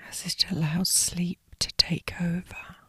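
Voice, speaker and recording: A woman narrating a scripted sleep story as a guided meditation, in a breathy, hushed, soothing whisper. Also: lowish voice, level tone, unhurried, no echo.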